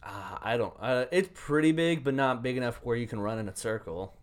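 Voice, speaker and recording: A man at an ordinary middle pitch talks casually with a friend. He spins exaggerated stories and acts them out with gusto. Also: brisk. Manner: animated storyteller who acts out silly scenes. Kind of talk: casual chat.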